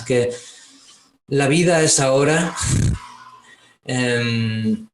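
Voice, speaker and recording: A man's voice: mid-range voice, reverberant. A man hosting a podcast interview, talking in a hesitant way with many fillers and restarts. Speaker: podcast host. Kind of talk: casual interview.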